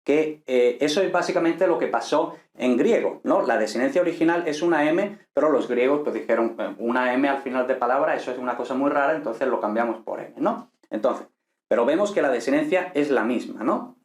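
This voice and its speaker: A man's voice: mid-range voice, brisk. A man teaching a grammar lesson patiently, thinking aloud and checking in with listeners as he goes. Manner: patient, thinks aloud with fillers and tag questions. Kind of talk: explaining Greek grammar. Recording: echoey room.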